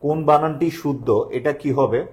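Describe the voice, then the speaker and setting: A man's voice: a little high, steady tone, fairly quick, darkish tone. A young man with a Bangladeshi Bengali accent teaching an online grammar lesson for admission coaching, asking his students questions and answering them himself.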